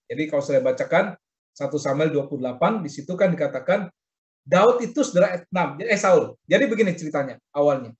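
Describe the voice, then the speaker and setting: Animated preacher man, roomy sound. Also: brisk, lo-fi sound. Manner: addresses listeners as "saudara", frequent "begitu ya" tags; animated, acts out quoted speech with rising pitch. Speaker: pastor teaching a Bible reading class. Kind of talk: sermon-style Bible teaching.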